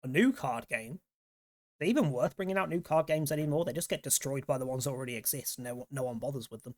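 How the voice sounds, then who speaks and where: A man's voice: mid-range voice, expressive, fast talker. A man streaming a game, rambling casually and swearing freely as he chats. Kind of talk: casual gameplay commentary.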